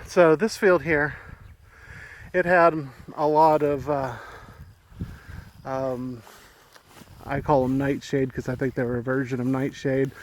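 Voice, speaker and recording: A man's mid-range, fairly even voice comes slowly as this homesteading vlogger wanders his rural property, chatting in a relaxed way and slightly out of breath. A little hiss or hum sits in the recording.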